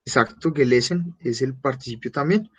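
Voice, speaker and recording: A man teaching a beginner German class, patiently repeating German phrases slowly and clearly. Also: mid-range voice, a bit bright.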